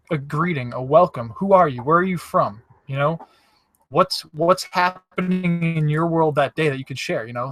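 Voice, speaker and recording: At a campsite, a man with a fairly high, slightly bright voice hosts a live show, coaching viewers on making videos in an upbeat, encouraging way and addressing them directly. It's a casual motivational coaching talk, and the recording is dry.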